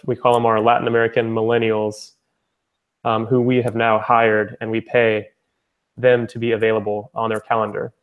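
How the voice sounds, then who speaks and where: A young man giving a casual spoken presentation, rambling a little, with lots of "um"s and restarts. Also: mid-range voice. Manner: rambling, with many fillers and restarts. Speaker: founder presenting his language-exchange platform.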